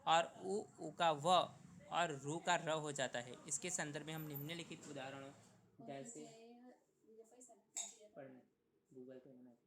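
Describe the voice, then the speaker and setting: A man with a somewhat high, steady voice teaches a recorded Hindi grammar lesson at school, with a crowd audible behind him. He goes slowly, repeating every sound, and poses questions to students that he ends up answering on his own.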